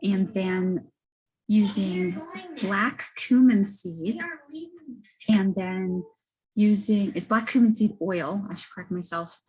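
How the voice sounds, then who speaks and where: A woman giving a casual, halting product testimonial as a host, often correcting herself as she goes. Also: medium pitch, fairly even intonation, a little mellow, husky, rough recording. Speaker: host presenting wellness products. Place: library children's area. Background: children and banging in background.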